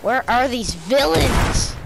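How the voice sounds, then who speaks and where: A high-pitched woman chatting her way through a shooter game in an excitable, goofy manner, drawling at an unhurried pace. Clear bursts of game gunfire and clicks sound behind her voice. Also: heavy background noise. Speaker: gamer streaming her play. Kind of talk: casual gameplay commentary. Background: video game gunfire and clicks.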